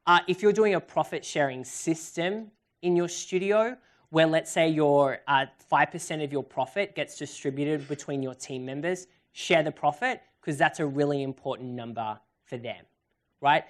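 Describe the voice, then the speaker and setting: An upbeat, chatty woman leads a live business seminar and takes audience questions. Her voice sits fairly low for a woman. She talks in a lively, animated way. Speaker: workshop presenter. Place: event hall with audience.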